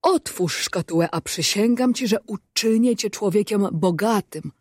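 A woman's voice: medium pitch, lively intonation, a little slow, a little mellow, no echo, clean studio sound. A woman reading as a solemn giant genie. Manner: solemn, imploring. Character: giant mist genie, male, proud and pleading. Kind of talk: storybook reading.

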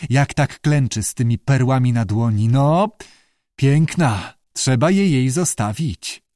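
A man's voice: mid-range voice, takes it slowly, mellow, no echo, lightly acted. A man voicing a cool, critical inner voice that makes dry, mocking remarks, in an audiobook reading.

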